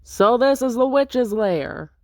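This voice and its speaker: A woman's voice: fairly high pitch, animated, takes it slowly, no echo, clean studio sound, voice pushed up. A woman voicing a cocky masked swordsman. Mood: swaggering. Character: brash masked male swordsman intruder, theatrical and cocky. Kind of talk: reading a visual novel aloud.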